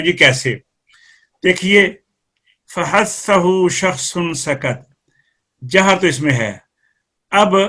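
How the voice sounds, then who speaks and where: A man's voice: sits high, sharp tone. A man with a Pakistani Urdu accent teaching Quran recitation rules in a live class, explaining step by step and quizzing students by name.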